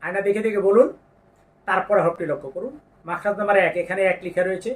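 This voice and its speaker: A man teaching Quran pronunciation, patiently explaining each letter and drawing out the sounds slowly. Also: high voice, steady tone, far from the mic. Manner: slow drawn-out demonstrations of letter sounds, patient instructions. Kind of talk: step-by-step pronunciation lesson.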